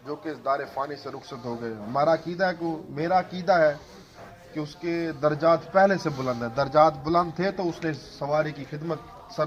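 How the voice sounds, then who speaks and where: Impassioned male preacher, slightly high voice. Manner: impassioned, chanting cadence in prayers. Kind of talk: sermon with devotional storytelling and prayer. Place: religious gathering in a home. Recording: dull lo-fi recording.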